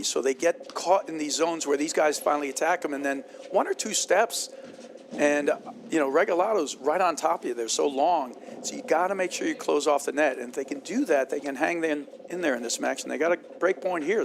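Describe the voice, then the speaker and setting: A man commentating a platform tennis final, talking at length in a relaxed, analytical way, his voice strained from hours of talk. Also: on the high side, fairly quick, vocal fry, slight background noise. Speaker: play-by-play commentator. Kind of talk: sports commentary.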